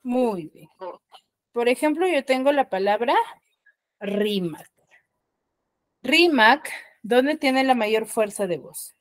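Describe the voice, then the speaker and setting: Her voice leans high with a darkish tone, and there's no room sound on the computer mic she uses for her video-call class. She's a secondary school language teacher, patiently explaining and often stopping to ask brief questions that test whether students follow.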